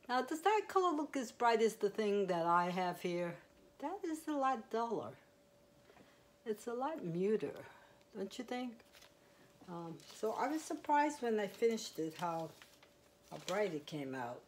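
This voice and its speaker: A woman's voice: mid-range voice, sing-song, unhurried, slight background noise. A woman vlogging at home, chatting about her crochet in a rambling, casual way. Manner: rambling, chatty, with fillers and small laughs. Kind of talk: casual show-and-tell. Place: quiet home, indoors. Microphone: clip-on mic.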